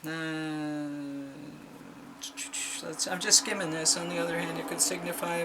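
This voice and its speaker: A woman's voice: low voice, flat delivery, a little slow, background noise. A middle-aged woman doing a casual tarot reading, chatty and exclamatory as she reads card meanings aloud. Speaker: tarot reader.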